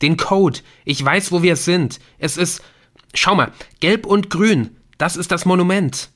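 A man voicing an excited, clever teenage boy in a German audiobook, blurting out his discovery. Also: mid-range voice, normal speed, pitched above the performer's own voice, lightly acted.

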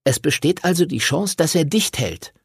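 A man's voice: a little high, lively intonation, normal speed, vocal fry, slightly rough, no room sound, clean studio sound, pitched above the performer's own voice, heavily acted. A man voicing a clever bespectacled schoolboy who speaks in a precise, logical way. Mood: firm. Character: clever bespectacled boy, suddenly firm.

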